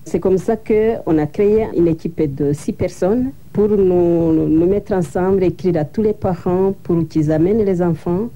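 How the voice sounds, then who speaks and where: Low, mellow-voiced woman recounting plainly. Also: a little slow, few pauses. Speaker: interviewee, association co-founder. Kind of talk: radio interview answers.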